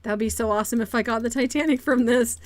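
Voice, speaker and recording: A woman streaming a game live, chatting casually with her viewers and greeting them by name, with a quick excitable streak and repeated exclamations. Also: fairly high pitch, no echo. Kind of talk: casual live-stream chat while gaming.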